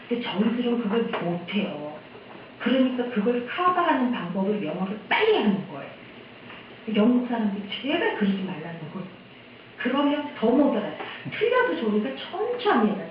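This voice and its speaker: A woman's voice: medium pitch, a little hiss or hum. A woman missionary from Korea giving a candid, chatty testimony at a church service. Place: church sanctuary. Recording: echoey hall, distant dull mic.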